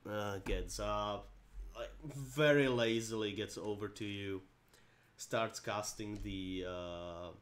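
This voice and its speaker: A man narrating a tabletop game as game master, improvising in a halting way as he searches for words. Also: lowish voice, a bit bright.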